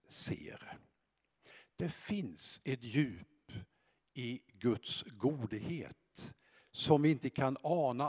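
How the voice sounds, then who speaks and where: A man giving a slow, reflective sermon, pausing often and hesitating as he explains scripture. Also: a little high, darkish tone. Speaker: preacher. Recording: long hall reverb.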